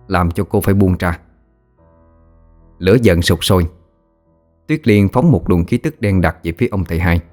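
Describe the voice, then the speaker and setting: A man's voice: low-pitched, a little mellow. A man narrating a ghost story in a dramatic, vivid way. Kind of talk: scripted horror story narration.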